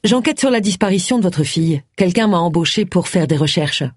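A woman's voice: lowish voice, lively intonation, a little fast, no room sound, studio quality. A reader voicing a brusque, wry middle-aged woman private detective in an audiobook. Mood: firm, wry. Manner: firm, impatient.

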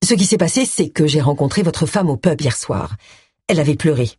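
A woman's voice: deep voice, animated, brisk, darkish tone, breathy edge, dry recording, studio quality, full character voice. A woman voicing a nosy, headstrong middle-aged amateur detective with a brash manner. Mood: sheepish.

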